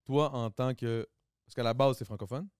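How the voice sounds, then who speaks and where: A man hosts a relaxed podcast chat, slangy and sweary, with English words mixed in. His voice is smooth and clear. The recording is close and dry. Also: mid-range voice, normal speed, no echo. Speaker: podcast host.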